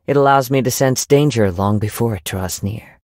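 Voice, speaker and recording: In these video game voice lines, a man plays a calm, modest young samurai who wanders, his tone gentle and wistful. He speaks at a middle pitch in a natural voice, with formal phrasing and a soft, measured, reflective pace. The audio is close and dry, with no room sound.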